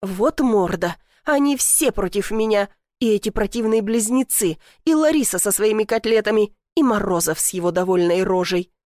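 A woman narrating a first-person audiobook in an expressive, wry way. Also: medium pitch, normal speed, hardly any pauses, no room sound, studio quality. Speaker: audiobook reader.

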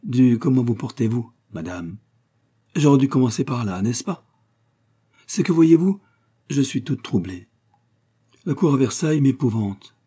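Brief: male reader doing a gentle courtly lady, raised husky voice, audiobook. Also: mid-range voice, animated, normal speed, pitched above the performer's own voice. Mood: flustered. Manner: soft, earnest courtly speech. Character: young noble lady, gentle and wistful. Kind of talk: audiobook character voice.

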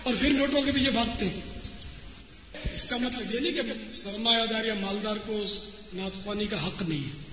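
Male preacher, very high and sharp, scolding sermon style, dull echoey hall recording. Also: long pauses, a little hiss or hum. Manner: scolding, with pointed rhetorical questions. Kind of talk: sermon to an audience.

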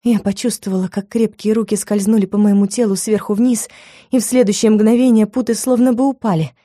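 A woman narrating a first-person audiobook, telling the story in a lively, expressive way. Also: mid-range voice, brisk, dry recording, studio quality.

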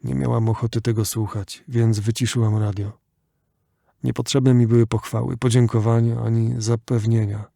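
Male audiobook narrator, measured and reflective, mellow tone, dry booth. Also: mid-range voice, little pitch movement, creaky, no echo. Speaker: audiobook reader.

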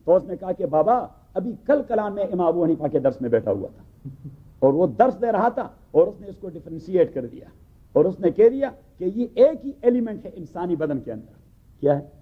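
A man teaching a scripture class in a storytelling manner, repeating phrases for emphasis and reciting Arabic lines slowly. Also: high-pitched, big pitch swings, breathy edge. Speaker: Quran teacher. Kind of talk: Urdu Quran commentary class. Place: mosque or community hall class. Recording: tinny phone-like recording.

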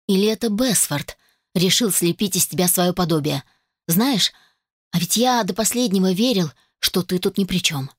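A woman's voice: on the low side, normal speed, dry recording, clean studio sound, natural voice. A woman voicing a bitter, hurt young man. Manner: reproachful, intense.

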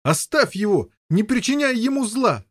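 A man reading an audiobook, voicing Gawaine, a hotheaded boy who yells in a loud, indignant voice. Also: fairly high pitch, expressive, brisk.

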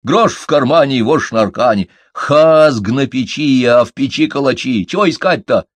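A man's voice: medium pitch, animated, normal speed, dry recording, voice pushed up, close to an everyday voice. A man voicing a small, sarcastic male dwarf who scoffs and trades folksy sayings. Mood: scoffing.

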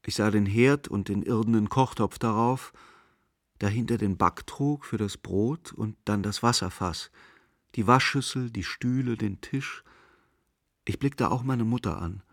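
A man narrating a radio drama in a slow, measured, melancholic manner. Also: fairly low pitch, no echo, studio quality. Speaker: narrator and main character.

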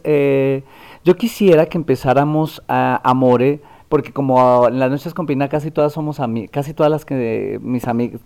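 A male talk show host who chats affectionately and wanders, restarting his phrases. His voice is dark and mellow, at a middling pitch. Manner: rambling, self-correcting, affectionate. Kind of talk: casual interview hosting.

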